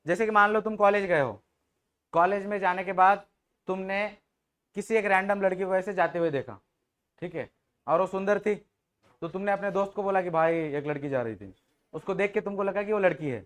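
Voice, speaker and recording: A man's voice: high voice, a little fast, a bit bright. A man teaching an English grammar class in Hindi, joking with students and often checking if they understood. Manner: jokes with the class, informal and teasing.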